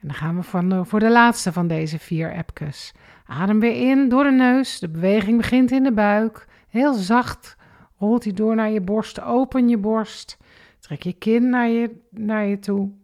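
A woman leads a guided relaxation exercise, talking the listener through each movement and breath. She speaks at a very unhurried pace, and her voice carries a noticeable vocal fry. Her delivery is calm and methodical, counting out the breaths. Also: mid-range voice. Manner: slow, calm step-by-step guidance with counted breaths.

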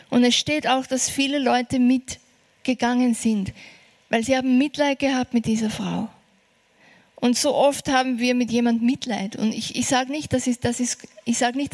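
A woman preaching a sermon, earnest and encouraging, slowing down for emphasis. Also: a little high.

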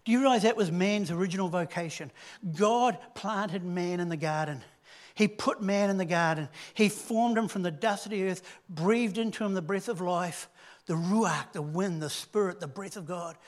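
A man preaching a sermon, retelling a story and dropping from loud emphasis to hushed, low tones. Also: moderate pace.

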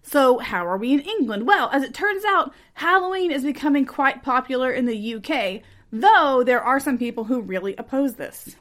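A woman with an American accent and a fairly high voice narrates true crime as a podcast host. Her delivery is conversational, moving easily between telling the case and casual chat. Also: lively intonation, normal speed, hardly any pauses.

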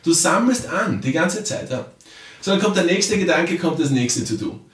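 A man coaching the listener directly and often checking in with a quick "ja?". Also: fairly high pitch, lively intonation. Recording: roomy sound, mic at a distance.

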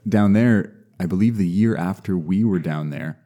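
A young man speaks as a guest on a casual podcast, his low voice dark and mellow in tone. He explains things in a measured way, pausing on fillers and restarting sentences as he goes. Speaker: mycologist guest.

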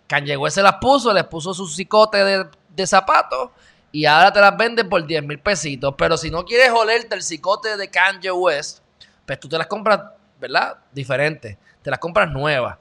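A man's voice: sits high, gravelly. Brash male show host. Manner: animated, sarcastic, talks straight to viewers. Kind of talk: casual commentary reacting to news.

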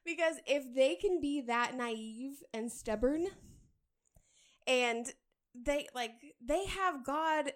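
A woman's voice: sits high, slow pace. A woman co-hosting a faith podcast, speaking casually and reflectively. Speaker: podcast co-host.

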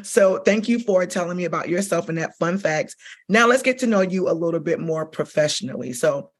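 A woman's voice: fairly low pitch, animated, a little fast. A woman hosting an interview podcast, enthusiastic and chatty, peppering her questions with "like" and "okay?". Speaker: podcast host.

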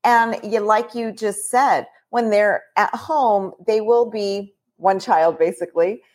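A woman who leads a childcare program, telling stories about children in a relaxed podcast conversation. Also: medium pitch, slow pace.

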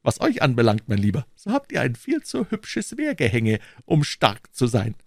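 A man's voice: medium pitch, wildly swooping pitch, normal speed, vocal fry, darkish tone, dry recording, studio quality, voice pushed up, exaggerated voice. A man reading an audiobook, voicing a sly, witty young male musketeer in a raised, mocking tone. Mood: cutting.

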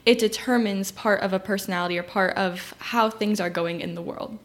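A young woman speaking as a podcast guest, easygoing and relaxed, with a lot of filler words. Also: mid-range voice, fairly quick. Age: young adult. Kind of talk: casual chat.

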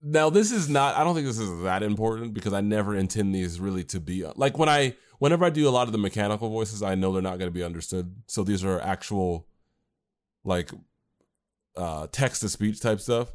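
Chatty low-voiced man co-hosting. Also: expressive, a little fast. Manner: chatty, rambling with fillers and restarts. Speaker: podcast co-host and anime creator. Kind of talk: casual chat.

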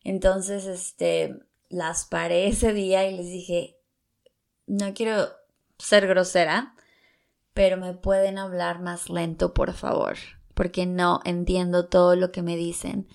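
Gravelly-voiced young woman giving earnest advice. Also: on the low side, slow. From Latin America. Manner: earnest and encouraging, with lively stories from her own experience. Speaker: vlogger giving tips for learning English. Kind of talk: casual advice vlog.

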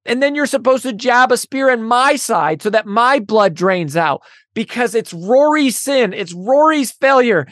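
A woman's voice: on the high side, animated, measured pace, dry recording, clean studio sound. A woman hosting a faith podcast, giving an earnest teaching monologue that builds into impassioned, repetitive declarations. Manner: earnest, building to impassioned intensity with repeated phrases. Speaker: podcast host.

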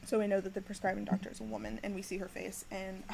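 A young woman hosting a podcast, recapping a TV episode in casual chat, laughing often and filling pauses with ums. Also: mid-range voice, flat delivery, vocal fry, mellow, a little hiss or hum, rough recording.

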